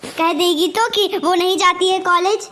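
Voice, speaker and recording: Cartoon comedy: a woman plays a fussy, gullible mom who spoils her own daughter, fairly high voice, Awadhi-tinged Hindi. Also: fairly even intonation, a little slow, bright, forceful tone, a little hiss or hum, exaggerated voice. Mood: doting. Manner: fussy and nagging, keeps asking "theek hai?". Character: doting, gullible middle-aged mother with favoritism.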